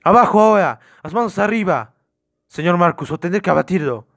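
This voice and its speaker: A man's voice: medium pitch, expressive, moderate pace, no room sound, natural voice. A stern small-town cop running an interrogation, voiced by a man reading the story. He gives firm, formal orders. The sound is dry, with no room around it. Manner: firm, commanding, formal questioning.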